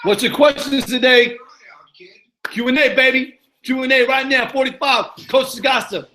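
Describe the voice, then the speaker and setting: Faint music sits behind a high-pitched, New York-accented motivational coach from Arizona running a live-stream Q and A. His bright, forceful voice has fairly even intonation and normal speed as he preaches, hammers points home through repetition, and keeps checking in with "you know what I'm saying."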